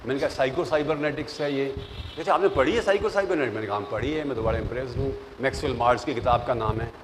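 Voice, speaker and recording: An older man, a professor, giving lively classroom advice, telling stories and acting out the voices of people in them. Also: medium pitch, fast talker. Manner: animated, storytelling, mixes English phrases, acts out quoted voices. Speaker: professor giving interview tips. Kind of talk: classroom lecture. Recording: long reverb, faint noise.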